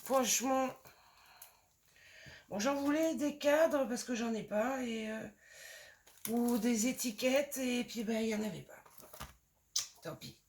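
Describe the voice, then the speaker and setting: A woman with a slightly hoarse voice, chatting casually and gushing as she shows off craft supplies in a haul video. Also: a little high, slow pace, pauses often, a little mellow. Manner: chatty and gushing, lots of fillers. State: voice a bit hoarse. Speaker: scrapbooking vlogger.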